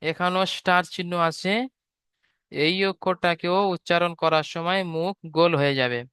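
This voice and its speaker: A man's voice: sits high, steady tone, moderate pace, a bit bright, clean tone, dry recording. A man teaching Quran letter sounds patiently, repeating each point and drawing out every sound. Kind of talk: step-by-step online lesson.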